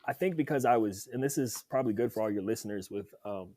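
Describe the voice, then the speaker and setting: A man's voice: lowish voice, quick pace, dark tone, no echo. A young man, a podcast guest and former football player, telling his story in an upbeat, chatty way. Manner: upbeat, chatty, laughs easily. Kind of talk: casual interview storytelling.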